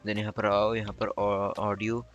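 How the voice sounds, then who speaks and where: A young man with an Indian accent talks through a coding tutorial at his computer, in a fairly low voice. He repeats himself and corrects himself often. Faint music plays underneath. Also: completely flat delivery, a little slow, lo-fi sound. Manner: chatty, repeats itself often, self-correcting. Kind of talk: casual screen-recorded coding walkthrough.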